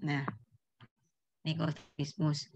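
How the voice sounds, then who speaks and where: Low-voiced woman giving a medical lecture. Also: flat delivery, measured pace, dry recording. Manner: explanatory, quizzes students, corrects herself mid-phrase. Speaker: neurology lecturer. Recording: dull lo-fi lecture recording.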